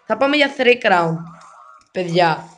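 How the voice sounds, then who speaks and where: Excitable high-voiced male gamer. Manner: excitable, self-mocking, mixes English exclamations. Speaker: mobile game player. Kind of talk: gameplay commentary.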